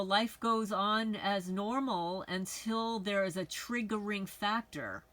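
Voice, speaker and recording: A woman's voice: medium pitch, fairly bright tone, poor audio. A middle-aged woman from the Bronx, talking to her channel's viewers in a rambling, frank, conversational monologue. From the Bronx, New York. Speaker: channel host. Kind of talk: casual personal monologue.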